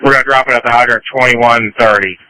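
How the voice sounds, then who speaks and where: A man's voice: mid-range voice, steady tone, fast, pushed and bright, smooth, no room sound, poor audio. A man giving clipped, matter-of-fact firefighter reports over two-way radio.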